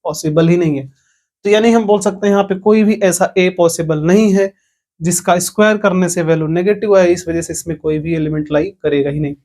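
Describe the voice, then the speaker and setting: A man with a high, dark-toned voice teaches maths online at a fairly quick pace, explaining every point step by step. He keeps checking whether the class is following along in this online lecture.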